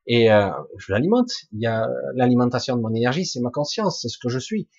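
A man with a husky, rough voice giving an informal spiritual talk to online listeners, halting yet emphatic, in colloquial, earthy wording. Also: mid-range voice, big pitch swings, a little mellow, no echo, highs cut off. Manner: halting and emphatic, with colloquial swearing and sound-effect words. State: coughing now and then. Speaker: spiritual teacher answering listeners' questions live.

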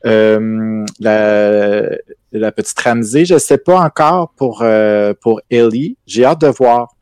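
Hesitant low-voiced Quebec man. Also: slow, darkish tone, clean tone, no echo, clean studio sound. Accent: Quebec French. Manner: hesitant, many restarts and fillers. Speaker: panelist. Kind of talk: casual panel chat.

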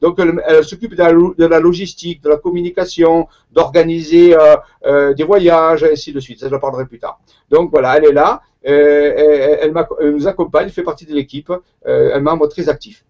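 Marseille-accented man, higher voice, muffled. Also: steady tone, brisk, a little mellow. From Marseille, southern France. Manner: hesitant, many fillers and restarts. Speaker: guest researcher. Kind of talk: conversational interview.

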